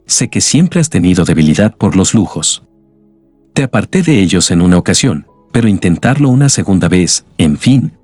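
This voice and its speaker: A man voicing a weary, scarred man in an audiobook, speaking quietly and ruefully. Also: low voice, breathy edge, dry recording, exaggerated voice.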